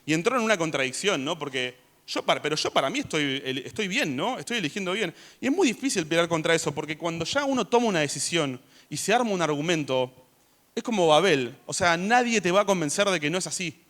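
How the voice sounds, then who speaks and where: A man preaching a sermon in church, chatty in tone and rising to loud emphasis when he reads scripture. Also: a little high, expressive, quick pace.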